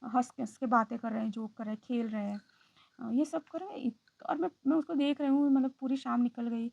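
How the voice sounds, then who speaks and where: A woman's voice: on the high side, steady tone, a little fast, gravelly, phone-quality sound, slight background noise. A woman vlogger telling a personal story in a reflective, hesitant way, often slipping into English phrases.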